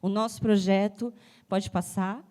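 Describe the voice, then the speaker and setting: A woman, an adult with a child, gives a chatty, conversational talk at a symposium, addressing the audience directly and frequently checking in with "né?". Her mid-range voice has a dark, steady tone and a slightly slow pace, and a cold leaves her slightly breathless and nasal.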